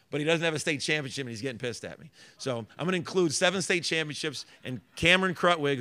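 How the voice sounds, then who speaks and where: A man's voice: on the high side, pushed and bright. A middle-aged man, a college basketball head coach, answering reporters' questions at a press conference in earnest, rambling sentences full of fillers and restarts.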